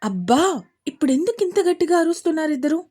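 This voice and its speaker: Storybook mom, exasperated and scolding, high quick fussing voice, fond underneath, a woman narrator doing the part. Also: lively intonation, dark tone. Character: scolding young mother, sharp-tongued but fond.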